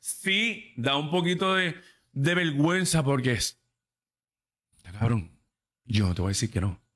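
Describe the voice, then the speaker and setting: A man's voice: mid-range voice, lively intonation, a little slow, a bit bright. A man, hosting a casual podcast chat in a blunt, profane, emphatic way. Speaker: podcast host.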